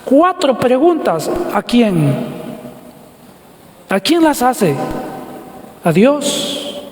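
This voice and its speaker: High-voiced man preaching in an echoey hall. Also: big pitch swings, drawn-out words, slight background noise. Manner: asks rhetorical questions and answers them himself, repeating key phrases; addresses the congregation as brothers. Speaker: pastor. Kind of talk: sermon. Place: church sanctuary. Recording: echoey church hall with long reverb.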